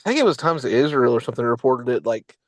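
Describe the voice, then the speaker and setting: A man's voice: mid-range voice, lively intonation, rapid-fire, no room sound, low-quality recording. A young man co-hosting a casual political podcast, rambling with lots of fillers and restarts. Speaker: podcast co-host.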